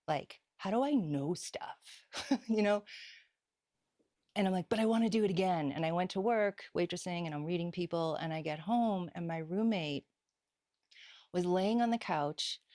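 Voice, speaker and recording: Lively storytelling woman, dry sound. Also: fairly low pitch, no echo. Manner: animated, laughs often, acts out quoted dialogue. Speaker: healer and psychic medium, interview guest. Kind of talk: casual storytelling in an interview.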